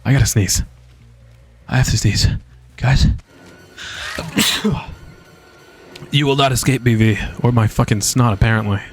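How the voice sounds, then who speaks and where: Excitable man doing gameplay commentary. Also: mid-range voice, a little slow, long pauses, soft background music. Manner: casual, excitable, swears often. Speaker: game streamer and video creator.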